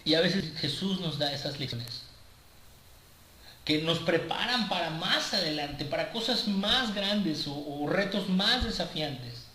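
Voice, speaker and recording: A male preacher tells a testimony in a sermon. His voice sits a bit high, and he stumbles and repeats words as he goes. He is recorded in an echoey room with a faint ambient hiss. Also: animated, sharp tone. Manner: halting, many repeated words and restarts.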